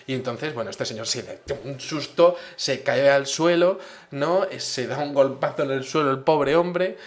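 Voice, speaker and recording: Man, casual storytelling, middle pitch, tag question after nearly every phrase. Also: measured pace. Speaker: host.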